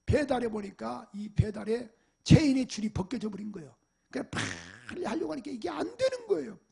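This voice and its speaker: A man preaching as a church pastor, telling animated personal stories in a sermon. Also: very high voice, fairly quick, creaky. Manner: animated storytelling, acting out parents and shouting at a dog. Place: church sanctuary.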